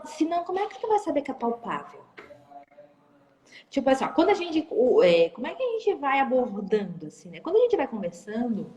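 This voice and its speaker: A woman, a guest in a live-stream interview, talking in an animated way and acting out sales calls. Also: high-pitched, long reverb tail. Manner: animated, acts out phone calls and sales talk. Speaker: entrepreneur guest. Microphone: phone or video call.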